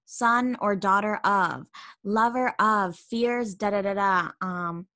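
A young woman co-hosting a casual podcast chat, telling animated teaching stories and saying "like" a lot. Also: medium pitch, slow. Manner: animated storyteller, heavy use of "like". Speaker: podcast co-host, English language assistant.

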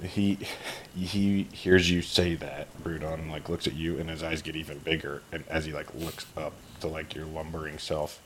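A man's voice: rumbling low, little pitch movement, moderate pace, a bit bright, slight background noise. A man narrating as game master of a tabletop game, casual and chatty, laughing and using lots of fillers.

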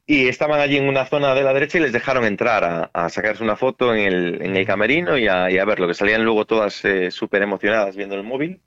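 A man hosting a casual radio chat, telling stories in an animated way and laughing as he talks. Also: lowish voice, fast, hardly any pauses, no echo, highs cut off. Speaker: radio host.

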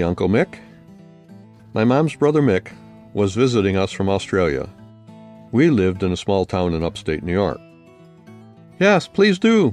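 Low-voiced man reading his story. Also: a little mellow, no echo.

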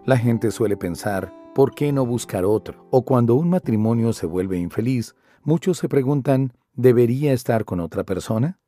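A man hosting a devotional, speaking in a calm, earnest preaching tone in scripted narration. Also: mid-range voice. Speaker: devotional host. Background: soft guitar music.

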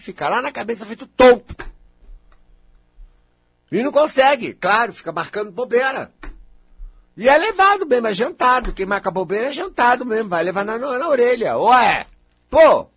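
Emphatic Brazilian man with a husky voice. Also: sits high, a bit bright, dry recording. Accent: Brazilian Portuguese. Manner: emphatic, teasing and scolding, talks straight to the listener. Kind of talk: animated spontaneous monologue.

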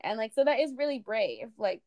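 A woman's voice: on the high side, sing-song, a little fast, a little mellow, no echo. A woman co-hosting a casual history podcast, talking in a chatty way with many fillers. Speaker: podcast co-host.

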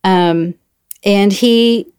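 A woman's voice: medium pitch, drawn-out words, a little mellow, clear, resonant tone. A middle-aged woman chatting as a guest, telling a story and acting out the voices she quotes. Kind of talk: casual storytelling chat.

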